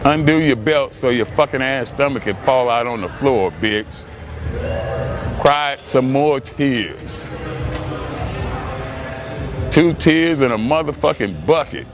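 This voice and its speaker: A middle-aged man on a clip-on mic launches into a taunting, combative rant thick with profanity. His voice sits in the middle of the male range, with music playing clearly behind him. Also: mid-range voice, expressive, takes it slowly, long pauses. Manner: combative, taunting, heavy swearing.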